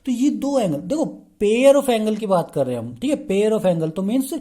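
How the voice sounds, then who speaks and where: A man with a mellow, warm tone teaches a math class. He switches freely between Hindi and English terms, poses questions to the class and answers them himself, and keeps checking in with the students. He slows to a drawn-out pace while writing on the board. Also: sits high, expressive. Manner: keeps checking in with the class by saying "okay" again and again. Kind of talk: explaining a lesson.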